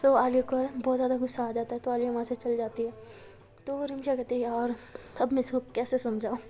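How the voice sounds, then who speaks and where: A high-pitched woman with an Indian Hindi-Urdu accent tells a love story in a relaxed, chatty way. Her voice is soft and mellow rather than bright, and she relays each character's lines through a steady flow of fillers. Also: fairly quick. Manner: chatty, retells dialogue in indirect speech with fillers. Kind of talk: casual spoken retelling of a love story.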